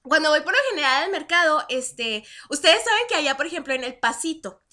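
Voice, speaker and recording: A woman from Chihuahua with a northern Mexican accent, telling lively anecdotes in casual chat and laughing often. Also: high voice, a little fast. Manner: animated, laughs often while telling anecdotes, acts out dialogue.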